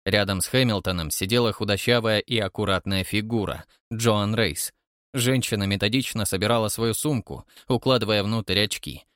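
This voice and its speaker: A man reading an audiobook narration in an even, measured way. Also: fairly low pitch, no echo, clean studio sound. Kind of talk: scripted narration.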